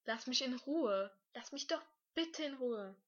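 A woman voicing a distraught, tearful teenage schoolboy who shouts and pleads. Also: high-pitched, expressive, measured pace, slightly rough, dull audio, voice pushed up, exaggerated voice. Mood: pleading shouts.

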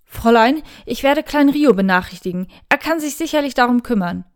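A woman's voice: on the high side, animated, brisk, natural voice. Woman doing a brash, protective young companion. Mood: insistent. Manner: blunt, interrupting.

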